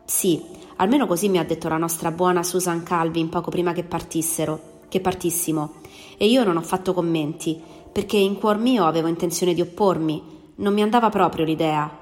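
A woman voicing a male space engineer, pleading and shouting in despair in a storybook reading. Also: lowish voice, steady tone, brisk, lightly acted. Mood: calm. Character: desperate male space engineer under stress. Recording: long reverb, faint music behind.

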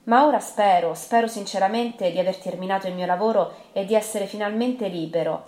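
A woman's voice: mid-range voice, a little fast, a little mellow, lightly acted. A woman voicing a haunted young male scientist, feverish and frightened, in an audiobook. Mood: weary. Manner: tense, then frantic cries. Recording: roomy with faint music.

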